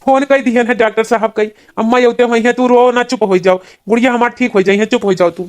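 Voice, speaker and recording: A woman's voice: fairly high pitch, fairly even intonation, fast talker, darkish tone, lightly acted. A woman voicing a caring young elder brother in a cartoon, earnest and admonishing. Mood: urgent. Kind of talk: cartoon voice acting.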